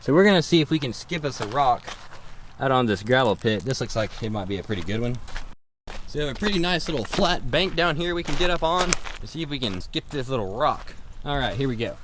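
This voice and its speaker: A man's voice: mid-range voice, lively intonation, a little fast. A man narrating a casual exploration vlog outdoors, curious and folksy as he points things out. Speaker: explorer vlogger. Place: outdoors at an open gravel pit pond. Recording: outdoor location audio with clear background noise.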